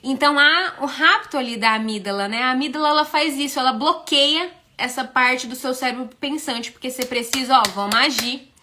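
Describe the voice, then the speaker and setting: A woman's voice: sits high, fairly quick, few pauses, sharp tone. A woman with a Brazilian Portuguese accent giving an explanatory live talk over a phone stream. She asks herself rhetorical questions and keeps tagging her points with short checks. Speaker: host explaining compulsive eating. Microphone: phone on a social media live stream.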